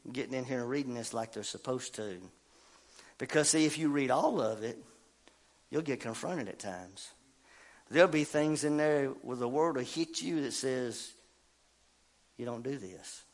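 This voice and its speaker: An older man preaching a sermon in a folksy, animated way, dropping low and quiet, then rising to loud calls.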